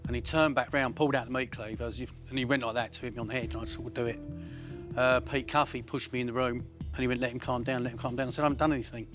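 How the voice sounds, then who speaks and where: A man's voice: medium pitch, steady tone, rapid-fire, music in the background. A man telling his story in a documentary interview, bluntly and with swearing. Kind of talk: documentary interview recounting events.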